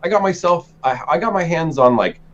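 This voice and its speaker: A man's voice: on the high side, fairly quick. A man in his forties, a guest telling stories in a playful, teasing way, with dull lo-fi audio. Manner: animated, playful, teasing storyteller. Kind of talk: casual storytelling.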